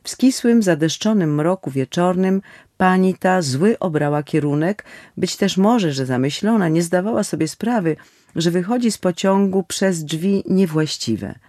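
A man reading a story aloud in a solemn, expressive literary style. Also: sits high, a little slow, dry recording, studio quality. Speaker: audiobook narrator. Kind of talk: scripted storybook narration.

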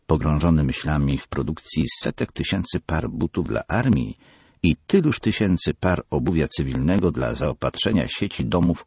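An expressive male audiobook narrator with a very low, husky, gravelly voice. His delivery is animated and full of emphasis, recorded dry and close. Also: dry recording. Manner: expressive storytelling with lively emphasis. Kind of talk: scripted narration.

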